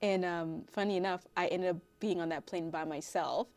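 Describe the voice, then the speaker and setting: A woman's voice: on the low side, brisk. Laughing woman in her thirties from Haiti. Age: 30s. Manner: laughs often, animated storytelling. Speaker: guest. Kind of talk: casual interview.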